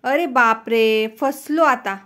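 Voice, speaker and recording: A nervous, sheepish husband who is always in trouble with his wife, as a woman narrator puts him on. The voice stays slow and bright, pitched a touch lower than her usual telling. His answers come out drawn out and wary. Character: exasperated henpecked husband, adult man.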